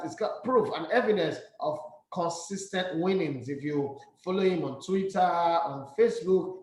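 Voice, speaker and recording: A man, a young adult, hosting a radio sports show in a smooth radio host manner. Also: a little high. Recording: roomy echoey studio sound.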